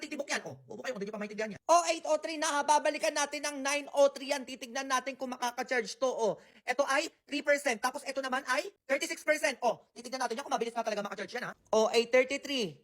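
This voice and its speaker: A woman demonstrating products and pitching them to viewers, teasing and playfully insulting her audience. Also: fairly bright tone, roomy sound. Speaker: online seller. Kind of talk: product review and sales pitch.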